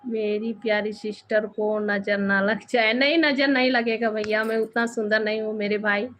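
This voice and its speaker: A woman hosting a casual live stream from home, softly chatting with viewers and often thanking them. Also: mid-range voice, fairly even intonation, moderate pace, slight background noise. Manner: soft-spoken, devotional, thanks viewers often. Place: home with two bedrooms and a temple.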